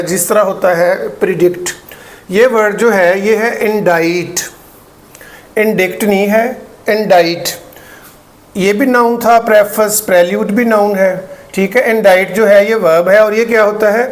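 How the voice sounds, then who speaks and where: A man from Pakistan with a Pakistani Urdu accent, teaching English pronunciation and slowly repeating each word for practice. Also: high voice. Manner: slow, deliberate, repeats words for drill; explains patiently, checks in with "ठीक है". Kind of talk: pronunciation lesson.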